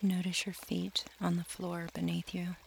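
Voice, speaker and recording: Male meditation guide: slow, soft, gravelly voice, little pitch movement, calm scripted delivery. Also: a little hiss or hum, low-quality recording. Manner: slow, soft and soothing, drifting into near-whispers.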